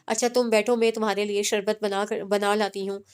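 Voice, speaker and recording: A woman voicing a meek widowed aunt in a story, speaking softly and hesitantly. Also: mid-range voice, flat delivery, smooth, lightly acted. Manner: soft, hesitant.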